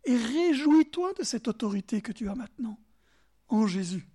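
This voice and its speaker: A man with a Bernese Jura French accent preaching a sermon, emphatic and animated, speaking straight to his listeners and sometimes dropping to soft asides. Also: very high voice, normal speed, slightly rough. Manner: talks directly to listeners in second person.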